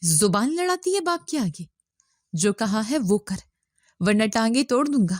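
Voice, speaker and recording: A woman's voice: fairly high pitch, sing-song, darkish tone, no room sound, studio quality. A woman voicing a stern, harsh village father who scolds his daughter.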